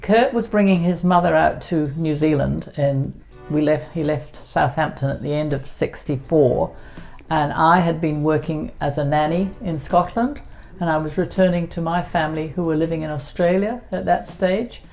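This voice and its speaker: A woman in her seventies, recounting her past in a measured, matter-of-fact way during an interview. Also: low-pitched, a little mellow, faint music behind. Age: 70s. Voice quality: creaky. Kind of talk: documentary interview.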